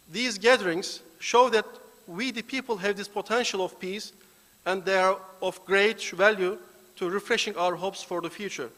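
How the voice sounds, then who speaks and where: A man speaking on behalf of a foundation's volunteers and giving a solemn, deliberate opening prayer and address. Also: sits high, sharp tone. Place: large banquet hall. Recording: reverberant hall.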